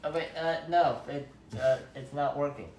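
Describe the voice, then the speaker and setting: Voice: medium pitch, normal speed, darkish tone, distant mic, a little hiss or hum. A player in a tabletop game, talking in a playful, jokey way. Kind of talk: casual tabletop play. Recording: echoey room, away from the mic.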